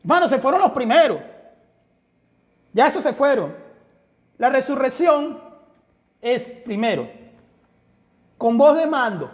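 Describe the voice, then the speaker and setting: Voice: high voice, sing-song, measured pace, long pauses. A Bible teacher giving a study lecture, emphatic and full of rhetorical questions, often addressing listeners as brother. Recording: long hall reverb.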